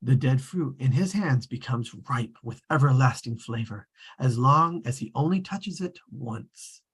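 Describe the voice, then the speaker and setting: This storybook tale comes from a very husky, expressive narrator, read by a performer at a table read. The mid-range voice stays measured and wry, formal in manner, with dry precision and an all-knowing quality.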